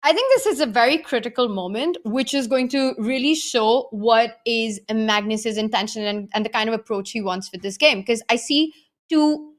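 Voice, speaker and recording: A woman's voice: on the high side, lively intonation, normal speed. A woman giving live chess commentary, analytical and explaining moves to the viewers in the chat.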